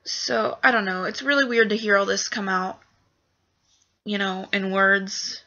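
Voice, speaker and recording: A woman's voice: medium pitch, fairly even intonation, measured pace, bright, forceful tone. A young woman venting frankly in a vlog, swearing often and full of fillers. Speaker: vlogger. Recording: dull lo-fi webcam audio.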